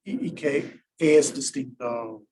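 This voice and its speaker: Slow, hesitant man asking questions. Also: medium pitch, darkish tone, a little hiss or hum, rough recording. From United States. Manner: hesitant, stammers at starts. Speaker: seminar participant. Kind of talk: seminar discussion.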